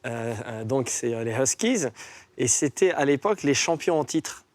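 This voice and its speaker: A man's voice: medium pitch, moderate pace, no echo. A middle-aged former basketball player, a man telling stories in a casual, colloquial way on a talk show. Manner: animated, colloquial, acts out the voices of others.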